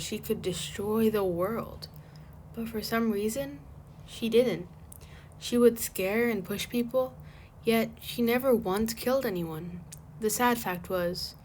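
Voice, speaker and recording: A woman reads her own fan fiction aloud after some rambling, chatty talk with her viewers. Her voice sits at an ordinary middle pitch, with a faint hiss behind it. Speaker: fanfic channel host and reader. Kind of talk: casual chat and story reading.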